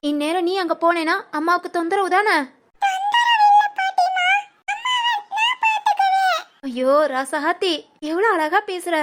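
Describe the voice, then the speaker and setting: A woman voicing a fussing grandmother who scolds and coaxes in a sing-song way, for an animated family story. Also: very high voice, moderate pace, heavy background noise. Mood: coaxing. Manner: scolding, coaxing, sing-song village talk.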